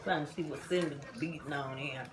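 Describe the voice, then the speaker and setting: A woman's voice: low voice, fairly even intonation, a little fast, background noise. A woman chatting bluntly and gossiping with family during a meal at home. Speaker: family member at the table. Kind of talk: casual family chat. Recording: loud dish and cutlery clatter.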